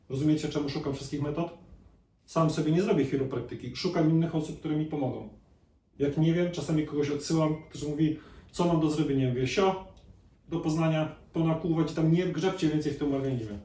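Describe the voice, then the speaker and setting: A man's voice: a little high, warm tone. A man giving a conversational live lecture to an audience as a chiropractor, often putting questions to the listeners. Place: lecture hall. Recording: echoey hall, distant mic, faint noise.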